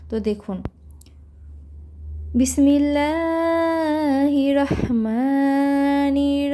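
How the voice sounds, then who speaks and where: A woman teaching Quran recitation, patiently explaining pronunciation step by step and chanting each verse slowly. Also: a little high, dark tone. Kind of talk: slow recitation lesson with drawn-out chanting.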